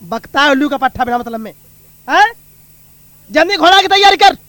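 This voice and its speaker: A man playing an exasperated village uncle who scolds and blusters quickly. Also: extremely high pitch, expressive, loud music behind the voice.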